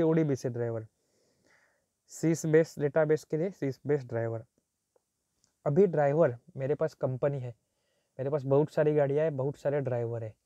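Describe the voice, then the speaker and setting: A man's voice: fairly high pitch, dark tone, no room sound. A man teaching a technical lecture who mixes Hindi with English terms, repeats his points, and asks and answers his own questions. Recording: dull, slightly muffled recording.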